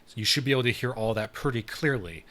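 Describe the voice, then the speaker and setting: A man's voice: mid-range voice, expressive, fast, bright, forceful tone. A man casually reviewing an audio mixer at a desk microphone in a home room, chatting and repeating words for emphasis. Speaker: tech reviewer. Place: home room with fan and PC running. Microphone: desk microphone about eight to ten inches away.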